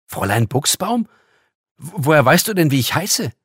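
A man's voice: on the high side, animated, moderate pace, dry recording, clean studio sound, voice pushed up, natural voice. A man voicing a snappy, indignant young woman. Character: brisk irritable young woman at a desk.

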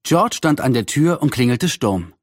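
A man narrating a children's storybook in an expressive, lively way. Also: medium pitch, measured pace, no echo, studio quality.

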